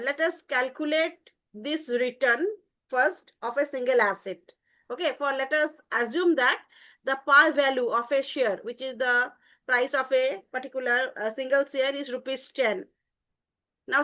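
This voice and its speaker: A woman teaching an online class, explaining patiently with many hesitant pauses over a call headset. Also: high-pitched, bright, forceful tone. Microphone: earphone mic on a video call.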